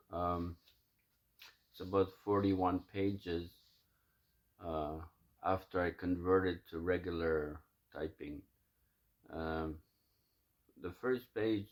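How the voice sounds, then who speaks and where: A man with a deep, low voice records himself at home, first chatting loosely about what he is about to read and then reading aloud from his own typed notes. He talks in a halting way, stopping for fillers and restarting his sentences often. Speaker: self-recording reader of his own writings.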